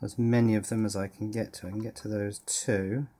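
Indoors at a workbench, a man hosting an electronics project video gives informal commentary while building. His voice is lowish, mellow and brisk, with little pitch movement, and he thinks aloud with some hesitation.

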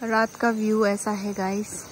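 A woman's voice: mid-range voice, little pitch movement, measured pace, slight background noise. A young woman vlogging in a village, talking chattily to her phone camera, laughing often and mixing in English words. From Arunachal Pradesh, India. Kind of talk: casual vlog narration. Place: village outdoors at night and inside a bamboo house. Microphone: phone camera held at arm's length.

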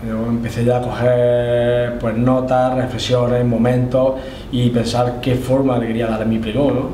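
Mellow and mid-range, with little pitch movement and a moderate pace, the voice belongs to a middle-aged Andalusian man who serves as a Holy Week proclamation orator. In a casual interview he tells his story chattily, often adding tag questions. The indoor recording, made among display cabinets, is echoey, slightly distant and carries faint noise.

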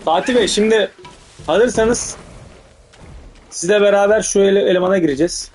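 A man doing casual gameplay commentary in street slang, swearing heavily and given to excitable, urgent outbursts. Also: sits high, moderate pace. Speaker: gaming video host.

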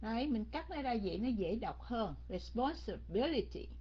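A woman teaching English pronunciation, drilling words slowly syllable by syllable. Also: on the high side, lively intonation, breathy edge. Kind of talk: pronunciation lesson. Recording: dull lo-fi recording.

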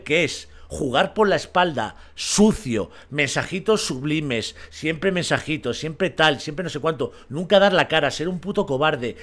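A man's voice: on the high side, a bit bright. A man with a Spain Spanish accent, ranting on a livestream in a blunt, profane, combative way and keeps asking his audience if they agree. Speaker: streamer.

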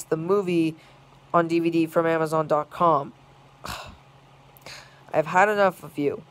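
A video maker delivering an angry scolding rant, repeating phrases and piling up complaints in long run-on chains. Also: mid-range voice.

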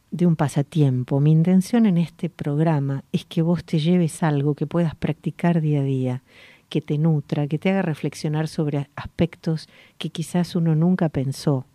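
A woman with a Rioplatense Spanish accent, hosting a radio voice lesson in a calm, slow, guiding way. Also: deep voice, no room sound, clean studio sound. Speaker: voice coach and radio host. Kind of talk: gentle voice-coaching lesson. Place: radio studio.

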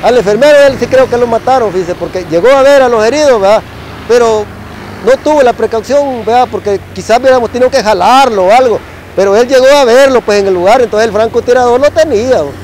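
A middle-aged man with a Salvadoran accent recounts his army days in a casual storytelling style, ending nearly every phrase with a quick "va" and imitating gunshots with his mouth. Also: very high-pitched, darkish tone, slight background noise, rough recording. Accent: Salvadoran Spanish. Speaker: former soldier telling a war story.

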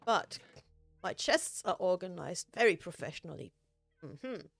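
A woman's voice: lowish voice, sing-song, measured pace, vocal fry, no echo, faint music behind. A woman streaming a building game, chatting casually, laughing often and poking fun at herself. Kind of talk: casual gameplay chat.

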